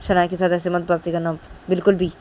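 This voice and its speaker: A woman's voice: fairly low pitch, completely flat delivery, quick pace, darkish tone, a little hiss or hum, natural voice, low-quality recording. A woman doing a defiant young woman. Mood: insistent. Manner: firm, insistent. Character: defiant young woman standing up to her mother.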